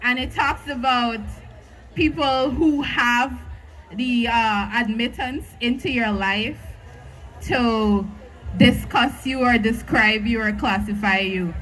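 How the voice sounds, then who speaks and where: A woman's voice: a little high, slow pace, a bit bright, rough recording. A woman in her twenties performing spoken word poetry on stage at a live venue, with a rhythmic, emphatic delivery. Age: 20s.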